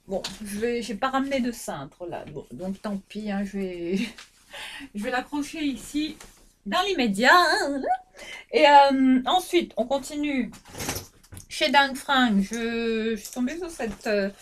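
A woman's voice: a little high, expressive, unhurried, slight background noise. A middle-aged woman from France in a casual haul vlog, rambling with lots of fillers and restarts as she shows her finds to the camera at home. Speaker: fashion vlogger.

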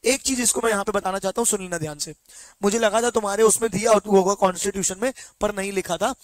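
Mixing Hindi with slow English read-outs, a male teacher runs an online exam-prep lecture and quizzes his students with rapid check questions. His high voice is recorded dry.

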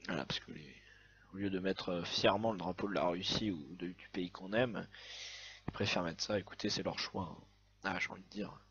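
A man giving a chatty, excitable let's-play commentary on a browser game, swearing often as he plays. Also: low-pitched, brisk, muffled recording. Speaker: gaming video host.

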